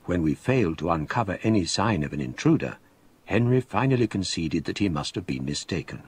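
Bookish gent telling a ghost story, grave n measured, lowish, faint noise behind. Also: male voice, animated. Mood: grave, haunted. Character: scholarly gentleman recounting his own ghost story. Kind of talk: dramatic scripted narration.

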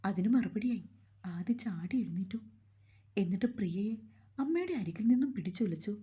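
A woman reading a romance novel aloud in calm, steady scripted narration. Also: medium pitch, normal speed, husky. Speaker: storyteller.

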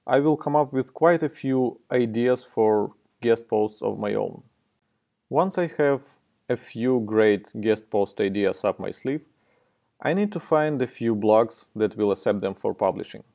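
A man's voice: medium pitch, creaky, mellow. A man with a Russian accent hosting a marketing tutorial, explaining steps in a friendly, plain way. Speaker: host of a marketing tutorial video.

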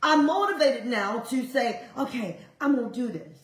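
A woman preaches with fervent, repetitive exhortation, her fairly high voice leaping up suddenly as she presses her point. The sound carries a roomy echo. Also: lively intonation, normal speed. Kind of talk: sermon.

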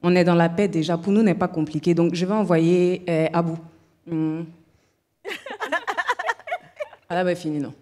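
A woman from Cameroon giving a playful, theatrical speech to a minister on a TV show, stressing her words slowly. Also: fairly low pitch, steady tone, warm tone. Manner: playful, theatrical, slow emphatic delivery.

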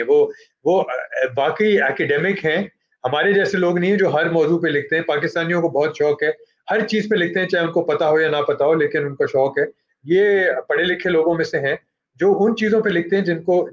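Halting man moderating a panel. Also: a little high, dull audio. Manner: halting, frequent fillers, slips into English phrases. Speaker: moderator introducing an author. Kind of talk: book launch panel introduction.

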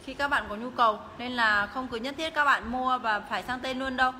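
Woman doing a live shop sales pitch, kinda high voice, noisy echoey phone audio. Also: fairly quick, bright, forceful tone. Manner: promotional, repeatedly urging viewers to get in touch. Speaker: motorbike shop livestream seller. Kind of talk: live sales pitch, casual product walk-through. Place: tiled indoor motorbike showroom rooms and stairwell. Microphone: handheld phone, held by the walking speaker. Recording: noisy phone audio in echoing hard-walled rooms.

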